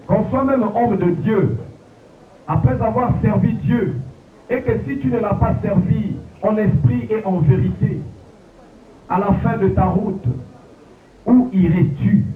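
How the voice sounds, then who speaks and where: A man's voice: unhurried, pauses often. Man preaching a funeral sermon, echoey. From Congo. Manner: preacherly, swooping pitch drops at phrase ends. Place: funeral gathering. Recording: echoey, distant, phone-like lo-fi sound.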